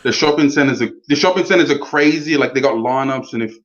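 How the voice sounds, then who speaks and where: A man's voice: mid-range voice, quick pace, fairly bright tone, muffled recording. A young Australian man, a guest on a casual chat show, talking in an ordinary mid-range voice. He rambles loosely, leaning on fillers and breaking into laughter.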